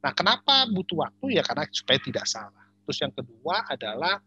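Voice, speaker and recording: A church speaker answering questions in an animated, teasing way and joking often. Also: male voice, on the high side, brisk, breathy edge, highs cut off. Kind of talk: joking discussion talk.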